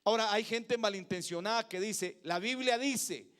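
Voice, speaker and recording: A high-pitched man preaching in a Mexican accent. He delivers a sermon emphatically, swinging from loud, driving peaks down to low asides. He keeps checking in with the congregation for agreement. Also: normal speed, clean tone.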